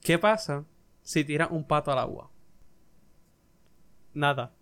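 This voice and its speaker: A man's voice: a little high, animated, takes it slowly, a bit bright. A man co-hosting a podcast, teasing and telling short jokes in casual chat. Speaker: podcast co-host.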